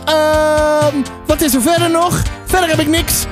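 Woman host in her thirties, high voice, rambling chatty delivery, faint music underneath. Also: level tone, a little slow. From Drenthe, Netherlands. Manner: rambling, many fillers and restarts. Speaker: podcast host, book reviewer. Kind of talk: casual chat.

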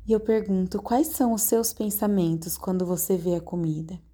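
A woman leading a guided hypnosis meditation in a slow, soothing, calmly directive way. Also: mid-range voice.

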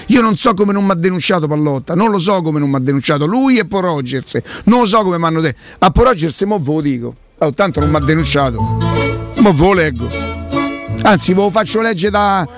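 High-pitched, emphatic Roman man on talk radio. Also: animated, normal speed, over music. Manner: emphatic, repeats phrases insistently. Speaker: sports radio host. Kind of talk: animated sports talk.

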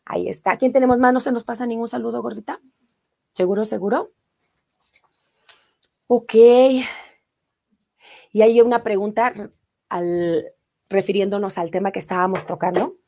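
A middle-aged woman with a Mexican accent, a singer chatting casually on a live stream, reading viewer comments warmly and effusively. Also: mid-range voice, gravelly.

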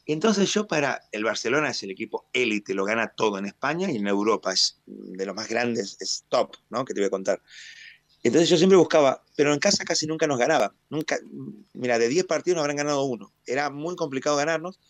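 An Argentine man from Mar del Plata, a stadium announcer, tells his stories in a radio interview with expansive pride. His voice sits at an ordinary middle pitch. The sound is dry and close. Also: fairly quick, no echo. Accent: Argentine Spanish, Mar del Plata. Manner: animated storyteller, proud and expansive.

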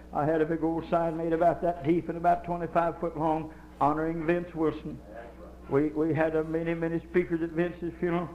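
An older man preaching a Holiness sermon in fervent, folksy storytelling style. His voice sits fairly high for a man. The live church recording carries a roomy echo. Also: lo-fi sound. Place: church with congregation.

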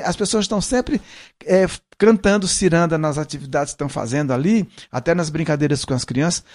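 A man from Ceará, Brazil, a musician guest, speaking with an accent that blends Ceará, Pernambuco and São Paulo. He talks in a reflective way, pausing often to search for words. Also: high voice. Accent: Brazilian Portuguese, mixing Ceará, Pernambuco and São Paulo accents. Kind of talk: casual interview chat.

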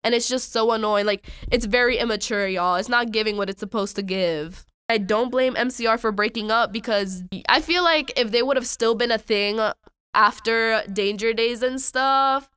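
A woman's voice: fairly high pitch, moderate pace, a bit bright, clean tone, dry recording. Slangy young woman ranting, exasperated. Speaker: podcast host. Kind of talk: casual ranting monologue.

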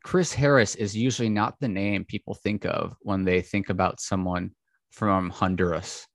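Deep-voiced male podcast host, steady delivery, dry close recording. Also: normal speed, creaky, dry recording. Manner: steady, reads bio then chats. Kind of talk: scripted intro then casual chat.

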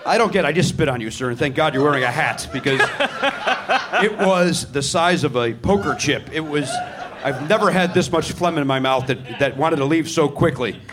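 On a theatre stage in front of a live audience, a comedy podcast host does stand-up banter, riffing on the crowd with sarcastic, profane asides. His voice is on the high side, at a moderate pace.

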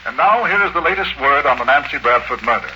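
A man's voice: mid-range voice, animated, fast talker, pushed and bright, lo-fi sound. A man playing an urgent newsreader delivering a 1940s radio bulletin. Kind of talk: 1940s news bulletin acting. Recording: old radio broadcast, faint noise.

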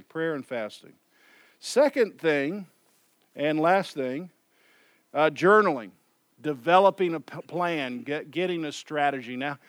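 A man's voice: on the high side, smooth, no room sound, studio quality. A man preaching a sermon in a loose, conversational way, often repeating and restarting phrases. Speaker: pastor.

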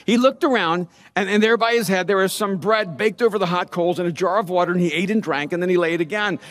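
A male pastor preaching a sermon, reading scripture with lively, sarcastic asides. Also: high-pitched, fast talker.

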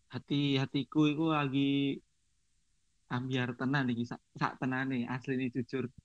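A man's voice: mid-range voice, flat delivery, moderate pace, no room sound, dull audio. A man in his twenties with a Javanese accent chatting casually as a guest, mixing Jakarta slang with Javanese. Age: 20s. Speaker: podcast guest, barber. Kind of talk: casual chat.

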